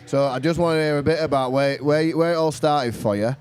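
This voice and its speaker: A man's voice: fairly high pitch, brisk. Chatty Yorkshire man hosting a podcast. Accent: Bradford, Yorkshire. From Yorkshire, England. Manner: relaxed, chatty, laughs easily, repeats himself. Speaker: podcast host. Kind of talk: casual chat. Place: venue bar.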